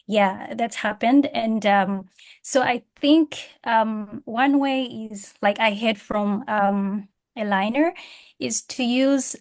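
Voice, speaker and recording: Tanzanian woman on a video call, hesitant, keeps restarting, mid-pitched voice. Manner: hesitant, many fillers and restarts. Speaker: participant. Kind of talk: online roundtable remarks.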